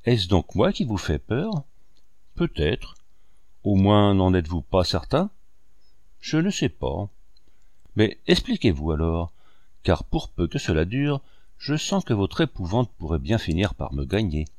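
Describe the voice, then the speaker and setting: A man voicing a playful, teasing young woman in a storybook reading, speaking in his own low voice. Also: sing-song, a little slow, pauses often, a little mellow, no room sound, clean studio sound.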